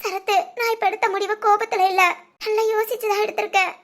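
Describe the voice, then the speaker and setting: A performer voicing a tearful young sister, very high. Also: level tone, fast talker. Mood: tearful resolve. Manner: pleading, emotional, insistent. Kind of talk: cartoon voice acting.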